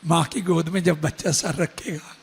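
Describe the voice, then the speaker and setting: Man, impassioned storytelling preacher, gravelly voice, reverberant hall. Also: fairly even intonation. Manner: impassioned, rising to high pleading tones, slowing on Arabic phrases. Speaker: Shia preacher. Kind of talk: emotional sermon with storytelling.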